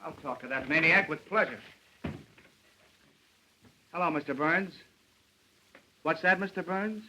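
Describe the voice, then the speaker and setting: A cocky, scornful newspaperman in a 1930s screwball comedy film. His voice is high and piercingly bright, full of slangy wisecracking banter, on an old film soundtrack. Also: poor audio. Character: brash, cocky newspaperman, quick-witted and scornful. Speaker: newspaper reporter.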